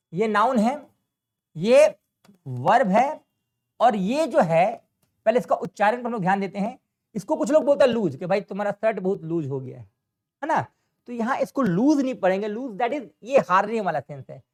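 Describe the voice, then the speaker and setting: A man's voice: high-pitched, sing-song, normal speed, long pauses, a little mellow. A man teaching English grammar in a classroom style, often asking a question and answering it himself. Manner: repetitive, asks and answers own questions. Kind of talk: classroom explanation.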